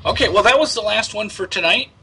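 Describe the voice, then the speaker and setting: A man's voice: high voice, fast talker, pushed and bright, slight background noise. A man improvising casual phone talk as a program organizer, explaining things in a hesitant, repetitive way. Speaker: prank caller posing as a prison program organizer.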